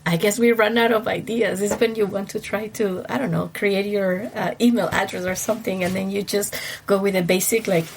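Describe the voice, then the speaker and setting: A woman from Ecuador with an Ecuadorian Spanish accent, a native Spanish speaker, chatting as a podcast guest, slightly stuffy from allergies, warm and full of fillers and laughs. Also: medium pitch, fairly even intonation, fairly quick, vocal fry, a little hiss or hum. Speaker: guest, wedding planner. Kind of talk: casual podcast interview.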